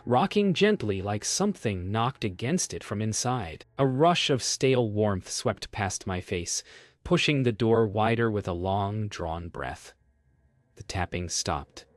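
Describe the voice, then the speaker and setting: A man reads a scripted first-person horror story as narrator, with measured, deliberate phrasing. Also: lowish voice, expressive, no room sound, studio quality.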